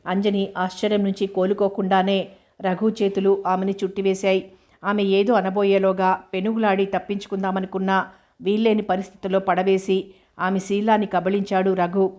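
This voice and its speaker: Woman reading a novel out loud, steady, pretty monotone. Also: medium pitch. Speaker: narrator. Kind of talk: scripted narration of a novel.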